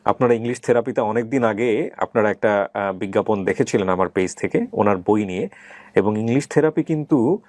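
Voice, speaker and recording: A middle-aged Bangladeshi man hosts an interview, addressing guests and viewers emphatically and mixing in English words. His lowish, darkish voice moves briskly, with no room sound.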